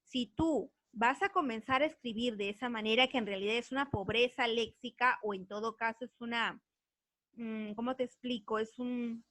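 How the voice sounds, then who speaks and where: Woman, language teacher, higher register, dry sound, patient explaining tone. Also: pushed and bright, no echo. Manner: earnest, explains patiently, checks understanding with frequent tag questions. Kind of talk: recorded online grammar lesson.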